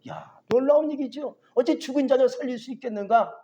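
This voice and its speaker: Male pastor, high voice, lively sermon delivery, talks to the flock. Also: fairly quick. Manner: animated preaching, voices biblical figures, asks the congregation questions.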